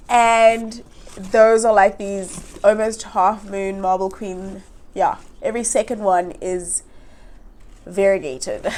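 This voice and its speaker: A young woman with a nasal, stuffed-up voice chats casually as she repots a plant. Her voice sits a little high, and she rambles and chuckles to herself between thoughts. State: nasal from hay fever. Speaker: plant channel host. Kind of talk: casual chat while repotting.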